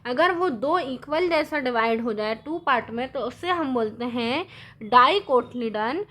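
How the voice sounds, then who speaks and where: Woman teacher, high and bright, quizzing her class in a lesson. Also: lively intonation, unhurried. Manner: asks the class questions and answers them herself; mixes English terms into Hindi. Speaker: science teacher. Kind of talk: classroom lesson explaining with drawings.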